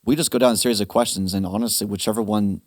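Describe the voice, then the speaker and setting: A man's voice: on the low side, dry recording, clean studio sound. Man hosting a retirement webinar. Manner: animated, quick asides and restarts. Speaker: financial planner hosting a webinar. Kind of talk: casual advice talk.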